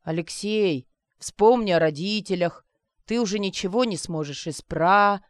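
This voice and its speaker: A woman's voice: mid-range voice, sing-song, normal speed, no room sound, close to an everyday voice. Woman voicing tired male cop, glum, mumbling, unsure, dry storybook sound.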